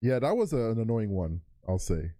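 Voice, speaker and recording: Mellow laid back guy co-hosting a gaming video, casual, pitch moves around a lot. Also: very animated, brisk, dry recording, clean studio sound. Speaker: let's play co-host.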